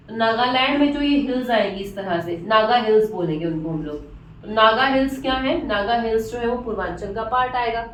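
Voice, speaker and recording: A woman's voice: mid-range voice, slight background noise. A woman teacher lecturing at a board, repeating key terms and asking and answering her own questions. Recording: echoey room from far off.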